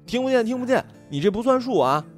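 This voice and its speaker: A man's voice: very animated, fast, soft background music. A man doing a pouty, whiny young girl. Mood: teasing. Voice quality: high, whiny put-on girl's voice. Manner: pouty and demanding. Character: petulant, sulky young city girl.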